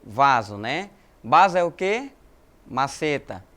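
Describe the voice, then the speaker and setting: A man's voice: medium pitch, very animated, slow pace, sharp tone. A Brazilian man teaching a recorded language lesson, explaining patiently and checking in with his students with friendly little tag questions. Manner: explanatory, addresses students as galerinha, frequent né tags. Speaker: Spanish teacher.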